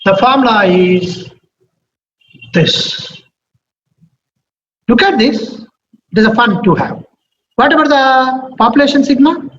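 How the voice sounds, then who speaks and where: A man's voice: extremely high pitch, animated, slow pace, pauses often, fairly bright tone. A man with a Telugu Indian accent teaching a live maths class, repeating phrases and often checking in with questions. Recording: echoey room, dull sound, faint noise.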